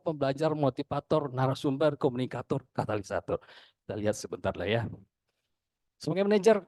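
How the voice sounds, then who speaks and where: A man in his fifties from Indonesia gives a chatty, anecdotal tribute, jumping up in pitch as he acts out remembered dialogue. His voice sits a little high for a man. The recording is dry and close, with no room sound. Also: darkish tone, no echo. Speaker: speaker giving a testimony. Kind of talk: informal tribute talk.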